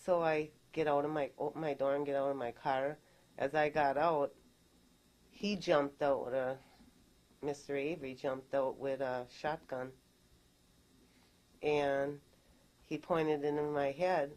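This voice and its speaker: A middle-aged woman giving testimony in a recorded deposition, recounting events in a plain, halting way. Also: low voice, fairly even intonation, darkish tone. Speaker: deposition witness.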